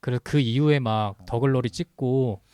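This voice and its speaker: Measured man co-hosting a podcast. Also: medium pitch, warm tone, clean tone, dry recording, studio quality. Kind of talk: casual podcast chat.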